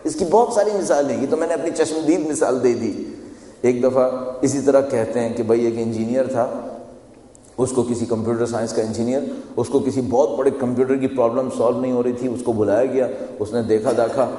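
A man's voice: mid-range voice, fairly even intonation, dark tone. A man giving a sermon in a storytelling, conversational way, repeating phrases for emphasis. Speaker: preacher. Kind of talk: sermon with personal anecdotes. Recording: echoey hall with long reverb.

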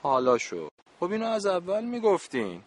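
A man's voice: high voice, huge pitch swings, heavily acted. A man playing a good-natured adult camp supervisor in a radio play, talking in a joking, exasperated, pleading way.

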